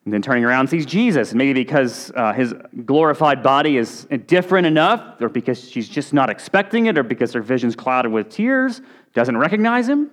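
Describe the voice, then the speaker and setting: A man's voice: medium pitch, big pitch swings, a little fast. A man preaching a conversational sermon, now and then acting out short quotes. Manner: conversational, with brief acted-out quotes. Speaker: pastor.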